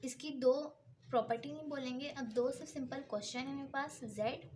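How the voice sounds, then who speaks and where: A woman's voice: high-pitched, fairly quick, darkish tone. A woman math teacher giving a blackboard lecture, working each step aloud and asking herself questions as she goes. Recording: faint background noise.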